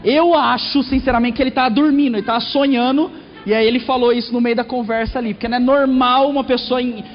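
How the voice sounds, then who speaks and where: A man with a Brazilian accent, preaching from the pulpit and telling a comic testimony in an animated way. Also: extremely high pitch, fast talker, faint music behind. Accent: Brazilian Portuguese. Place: church. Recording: echoey hall, muffled sound.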